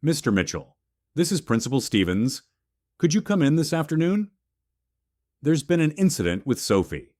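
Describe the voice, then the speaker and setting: A man reading the part of a calm, fair school principal who explains things gently. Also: fairly high pitch, normal speed, pauses often, no echo, clean studio sound, pitched above the performer's own voice. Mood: gentle.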